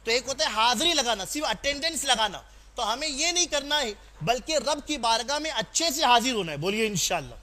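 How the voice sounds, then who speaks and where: A man's voice: very high voice, expressive, bright, forceful tone. A man preaching a sermon to a congregation, exhorting them, asking them questions and calling for responses, and mixing in personal stories. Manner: exhorting, asks the audience questions and calls for responses; tells personal anecdotes in a conversational tone.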